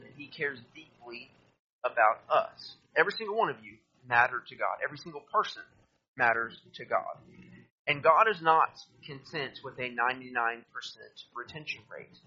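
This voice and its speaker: Man, sermon, preacher reading and explaining scripture, bright tone, husky, slightly muffled lo-fi recording. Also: mid-range voice. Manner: reads scripture aloud and explains it to listeners; addresses listeners directly, asks them to turn to verses.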